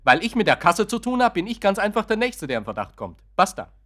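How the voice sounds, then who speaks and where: An actor playing an irritable, evasive young man in a radio drama, talking to his mother in a gruff, curt and impatient way. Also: sits high, very animated, quick pace, fairly bright tone. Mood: tense, confiding. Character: irritable, evasive grown son, office worker. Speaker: son.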